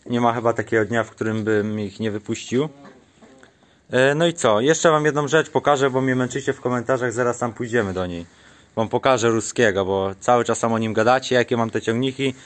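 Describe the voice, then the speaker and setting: A man's voice: mid-range voice, brisk. A man vlogging outdoors on a small farm, chatting casually to the camera and coaxing his animals in a sing-song voice.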